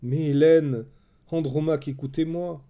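A man's voice: mid-range voice, a little slow, dark tone, close to an everyday voice. A man voicing a desperate young prophetess whose warnings go unheard, pleading and crying out in a raised voice. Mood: urgent. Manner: frantic, pleading, rising to wild cries.

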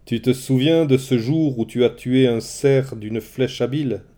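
A man's voice: medium pitch, a little slow, mellow, close to an everyday voice. A man voicing a dry, stern old male seer who speaks in curt pronouncements in a storybook reading.

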